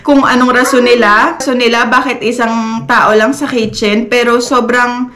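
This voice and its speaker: A woman's voice: fairly high pitch, flat delivery, normal speed, background noise. A woman from the Philippines, a vlogger chatting to camera and venting candidly and earnestly to her viewers. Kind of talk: casual chat to camera.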